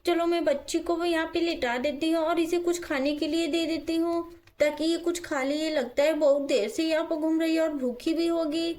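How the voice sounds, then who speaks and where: A kind, worried young housewife who coaxes and soothes and thinks out loud, as a woman puts her on. She speaks in a very high, gentle voice for a doll storybook video. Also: steady tone, moderate pace. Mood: soothing. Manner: coaxing, talks to herself aloud.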